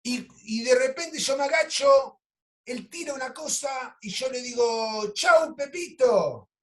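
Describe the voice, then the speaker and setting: A man with an Argentine Spanish accent, a psychoanalyst lecturing over a video call and telling clinical cases in a lively, animated way. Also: very high voice, a little slow. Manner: animated storytelling, acts out quoted lines. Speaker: psychoanalyst teaching an online course.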